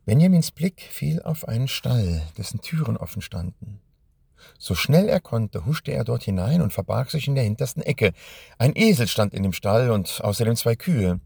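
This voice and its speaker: A man narrating a storybook in a measured way, at times speaking directly to young listeners. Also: medium pitch, lively intonation, gravelly, a little mellow, husky, dry recording, clean studio sound.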